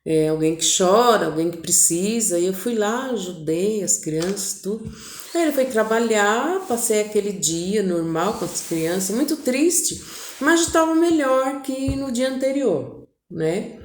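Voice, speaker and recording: A woman's voice: medium pitch, a little slow. Woman telling a family story, echoey room. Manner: intimate, animated retelling with voiced quotes. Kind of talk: personal storytelling to viewers.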